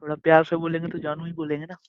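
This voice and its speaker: Over a muffled phone line, a boyfriend with a Hindustani accent keeps pressing his case in a playful, coaxing way during a casual romantic call. His voice sits on the high side, monotone and rapid-fire.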